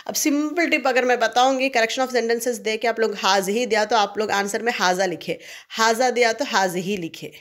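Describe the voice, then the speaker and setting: A woman's voice: on the high side, moderate pace, fairly bright tone. Woman teaching, asking and answering herself. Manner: explains step by step, asks and answers her own questions; checks in with "okay?" often. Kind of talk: exam revision lesson.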